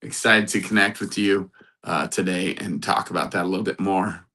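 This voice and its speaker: A man's voice: low-pitched, steady tone, moderate pace, bright, forceful tone, poor audio. A man hosting a casual live stream as a matchmaker, upbeat, greeting viewers in the chat and repeating motivational phrases. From United States. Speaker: livestream host and matchmaker.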